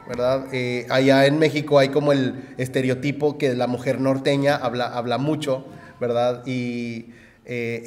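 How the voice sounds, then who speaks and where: Preacher in a reverberant hall. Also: male voice, mid-range voice. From Mexico. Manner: conversational, frequent "¿verdad?" tags and hesitations. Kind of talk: sermon with personal story.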